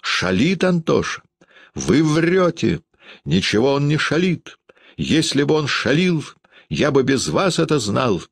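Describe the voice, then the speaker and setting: A man voicing a volatile middle-aged father who shouts and rants in an audiobook reading. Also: mid-range voice, big pitch swings, a little slow, vocal fry, breathy edge, no echo, studio quality, voice pushed up, heavily acted. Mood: ranting. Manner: shouting, indignant, blustering.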